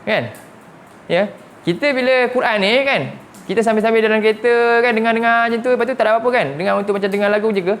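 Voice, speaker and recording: A man's voice: sits high, fast talker, a bit bright, slight background noise. Malaysian male teacher quizzing his class. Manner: fires repeated questions at students, mixing in English words. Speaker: religious teacher. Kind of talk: classroom Quran lesson. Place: mosque classroom.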